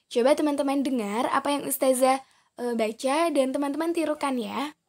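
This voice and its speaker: A woman's voice: high-pitched, fairly quick, a little mellow. A woman teaching a recorded online lesson, patiently modeling pronunciation and saying each word twice. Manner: patient, explanatory, addressing students as friends. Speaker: Arabic teacher.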